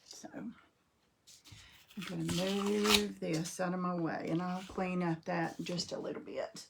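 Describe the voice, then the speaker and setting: A woman's voice: fairly low pitch, level tone, slow pace, gravelly, very noisy. A woman with a North Carolina Southern accent, hosting a live-streamed craft demonstration from her craft table and chatting folksily with viewers by name as she works. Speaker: craft host.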